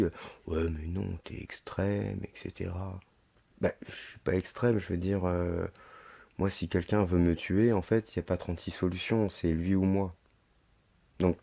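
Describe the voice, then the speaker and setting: A deep-voiced man delivers a podcast monologue, moving between reading and commentary. His tone is dark and gravelly, with the thickened sound of a sore, swollen throat. He speaks in hesitant stretches broken by rhetorical asides. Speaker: podcast host. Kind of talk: monologue reading a text aloud with running commentary.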